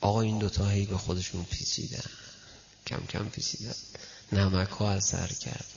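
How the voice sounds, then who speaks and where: A male preacher giving a sermon, telling stories and speaking directly to his listeners, with a gravelly voice. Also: lowish voice. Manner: storytelling, addresses listeners directly, animated quoting. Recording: dull lo-fi recording.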